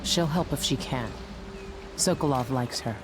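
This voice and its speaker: A woman playing a gruff, world-weary boat skipper who gives a mission briefing in a video game. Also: extremely low pitch, measured pace, background noise. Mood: grave, advising. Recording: loud waterside ambience behind.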